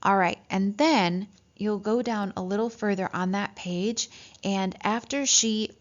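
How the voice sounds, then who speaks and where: A woman teacher walks her class through a story, reading lines aloud and stopping to explain them. She talks at a middling pitch, checks in with "right?" and fills pauses with "um". The recording sounds dull and lo-fi.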